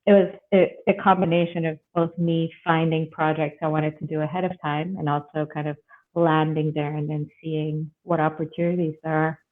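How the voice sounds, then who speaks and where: A woman from Bangladesh, born in Russia, talks through her story as a podcast guest, relaxed and reflective. Her voice stays quite flat in pitch. It comes over a tinny, phone-like line. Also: normal speed. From born in Russia, raised in Bangladesh. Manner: relaxed, reflective, with fillers and light laughs. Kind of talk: casual interview conversation.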